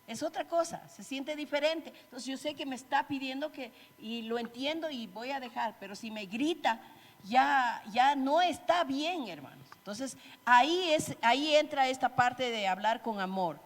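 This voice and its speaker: Gentle Ecuadorian woman teaching in a church hall. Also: sits high, animated, moderate pace. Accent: Ecuadorian Spanish. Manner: gentle and explanatory, acts out example phrases. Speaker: church couples-ministry speaker.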